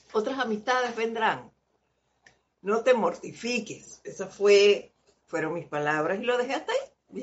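A woman leads a spiritual talk at a slow, unhurried pace, mixing lessons with personal stories. She laughs often as she speaks. The audio is muffled and lo-fi. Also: mid-range voice. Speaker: spiritual teacher hosting a live stream. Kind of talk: informal spiritual talk with anecdotes.

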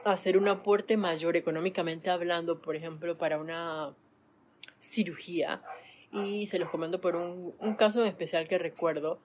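A woman's voice: lowish voice, steady tone, normal speed, a little mellow. A woman giving a spiritual talk on a live stream, animatedly acting out everyday scenes as she teaches. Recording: dull lo-fi sound, faint background noise.

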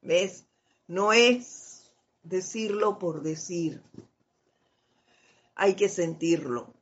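Woman, spiritual teacher, slow and deliberate, reads a text aloud and explains it, muffled lo-fi sound. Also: on the low side, breathy edge. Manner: reads passages aloud and explains them, addressing listeners as brothers. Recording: dull lo-fi recording.

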